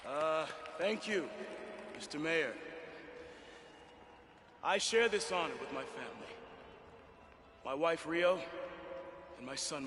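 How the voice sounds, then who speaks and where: A modest, grateful police officer in a video game. He speaks slowly and haltingly in a slightly high voice. The sound has long reverb and clear noise behind it. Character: humble, grateful male police officer honored publicly.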